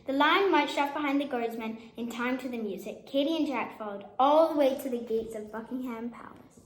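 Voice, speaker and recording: A woman's voice: sits high, a little fast, a little hiss or hum. A woman storyteller reading a children's picture book aloud. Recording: echoey room.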